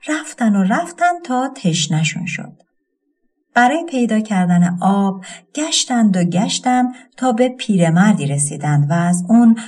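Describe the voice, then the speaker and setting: A woman narrating a folk tale audiobook with an expressive storytelling cadence. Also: mid-range voice.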